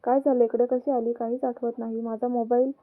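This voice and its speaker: A woman's voice: a little high, level tone, brisk, narrow, tinny audio, lightly acted. A pleading young office worker, as a woman reads her. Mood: flustered. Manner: pleading, protesting. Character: flustered young woman employee.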